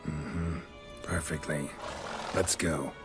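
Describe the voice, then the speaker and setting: A man voicing a gruff, laconic monster hunter in a video game, speaking in short clipped phrases. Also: very deep voice, fairly even intonation, slow pace, loud music behind the voice. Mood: terse.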